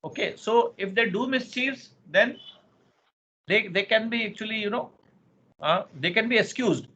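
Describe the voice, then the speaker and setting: A man's voice: high voice, moderate pace, bright, forceful tone. A man with an Indian accent lecturing to a class on law, often repeating phrases and checking understanding with questions. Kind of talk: interactive online lecture. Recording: muffled, clearly noisy online class audio.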